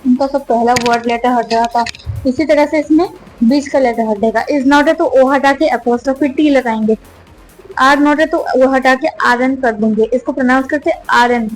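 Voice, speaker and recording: High-voiced woman teaching grammar. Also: faint music behind, rough recording. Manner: chatty, self-correcting, slows down to spell out examples. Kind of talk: casual classroom explanation.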